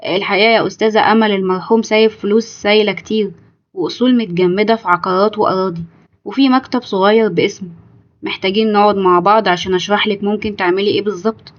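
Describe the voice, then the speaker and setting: A woman's voice: mid-range voice, steady tone, rapid-fire, muffled recording, natural voice. A woman with an Egyptian accent voicing a scheming young male fiancé who talks politely, reassuringly and formally. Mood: smooth. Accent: Egyptian Arabic.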